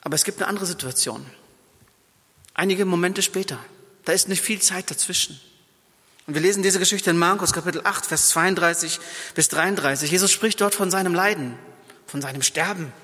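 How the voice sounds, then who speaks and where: A male pastor delivers a sermon with a high, bright voice. He retells scripture scenes in a lively, down-to-earth storytelling manner. The sound carries the long reverb of a church hall. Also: a little fast.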